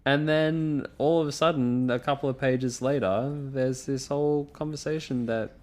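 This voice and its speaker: A man co-hosting a casual book podcast, thinking aloud slowly and laughing often. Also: medium pitch, fairly even intonation, a little mellow. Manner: slow, thoughtful, laughs often. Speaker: podcast co-host. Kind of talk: casual book-club chat.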